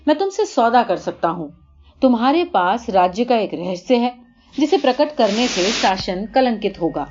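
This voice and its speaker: A woman's voice: fairly high pitch, sing-song, darkish tone, soft background music. A woman voicing a worried male king who pleads and then offers a bribe, in an evasive, wheedling tone, on a dull, lo-fi recording. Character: anxious ruler Krishna, male, pleading then bargaining.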